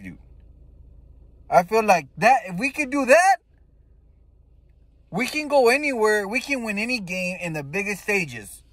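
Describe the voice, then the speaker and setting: A man's voice: high-pitched, no room sound. A man giving casual sports fan commentary in a blunt, emphatic way, with slang and swearing. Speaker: football fan giving game reaction.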